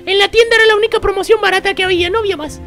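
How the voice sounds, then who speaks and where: Squeaky little boy gamer, very high voice, shrieky, teasing, faint music behind. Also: fairly even intonation, very fast. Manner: shrieky, teasing, yells often. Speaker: youtuber. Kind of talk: Minecraft gameplay banter.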